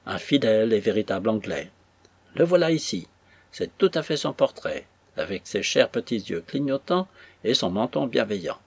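A man's voice: on the low side, big pitch swings, moderate pace, slightly rough, no room sound, full character voice. A man reading an audiobook, voicing an effusive, theatrical elderly society lady. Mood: gushing. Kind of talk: audiobook character voice.

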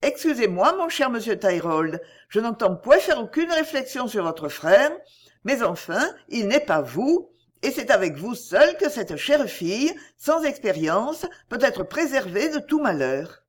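A woman's voice: on the high side, very animated, a little slow. A woman voicing an anxious, pressing mother. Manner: urgent, pressing. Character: anxious, watchful middle-aged mother.

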